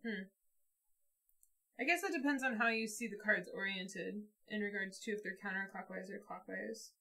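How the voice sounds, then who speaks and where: A woman's voice: mid-range voice, moderate pace, pushed and bright. A woman streaming a board game, chatting casually and thinking aloud as she plays.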